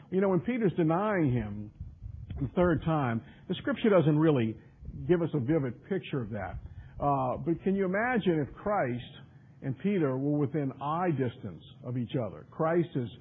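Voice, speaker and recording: A man teaching a Bible study, with a slightly higher-pitched, husky voice. He moves between reading old scripture and chatting loosely about it, full of "you know" and restarts. The sound is thin and tinny, like a phone-line radio broadcast. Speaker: preacher. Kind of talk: expository Bible study sermon.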